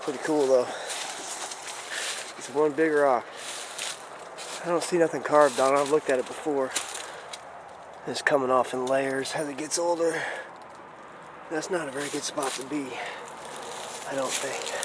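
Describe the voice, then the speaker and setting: A man's voice: medium pitch, fairly even intonation. Folksy man rambling outdoors, noisy background. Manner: folksy, unhurried, thinking aloud. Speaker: outdoor explorer vlogger. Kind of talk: casual rambling vlog narration while exploring. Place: outdoors in the woods on a rocky hillside. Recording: clear outdoor background noise.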